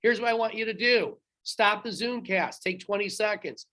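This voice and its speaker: A man's voice: sits high, moderate pace, bright, forceful tone. A male history teacher gives a recorded lecture in a chatty, friendly way. He speaks straight to his students and stops now and then to quiz them on trivia.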